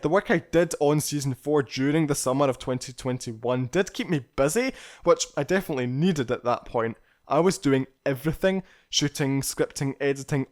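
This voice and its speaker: A man with a mid-range voice narrates a scripted retrospective of his own life as a video creator. He comes across as candid, reflective and articulate.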